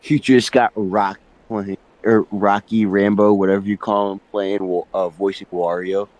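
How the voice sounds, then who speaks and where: A man's voice: fairly low pitch, level tone, unhurried, darkish tone, dry recording, low-quality recording. A man chatting casually as a commentator on a video game playthrough. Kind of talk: casual gaming chat.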